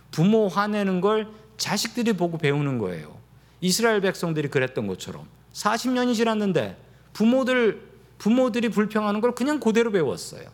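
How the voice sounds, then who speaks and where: A man preaching a sermon as pastor, asking his congregation questions and acting out quoted lines in a lower voice.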